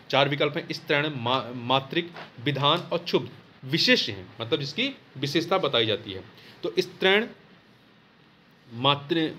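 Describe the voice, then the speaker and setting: A man's voice: a little high, slight background noise. A man tutoring for a Hindi exam, going through test answers and saying words over again as he corrects them. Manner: explanatory, repeats and corrects words aloud. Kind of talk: test-series answer walkthrough.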